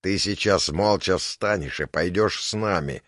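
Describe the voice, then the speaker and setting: A hulking thug from a spoken storybook, low and booming, smug and full of menace. A man plays him, pitching down with a dry, close sound. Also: a little slow, a bit bright, no room sound. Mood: menacing. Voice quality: booming bass. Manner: smug, threatening.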